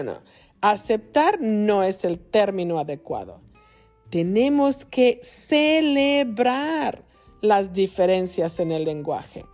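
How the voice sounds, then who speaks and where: A woman from Mexico hosting a podcast lesson for Spanish learners, speaking slowly and clearly. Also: mid-range voice. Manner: slow, clearly spoken, lively intonation. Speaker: podcast host.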